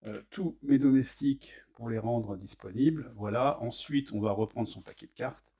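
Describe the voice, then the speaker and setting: A chatty French man casually unboxes a board game and demonstrates its rules, saying "hop" as he flips cards and hesitating with many fillers. His voice is medium-pitched, gravelly, mellow, and slightly rough, at a moderate pace.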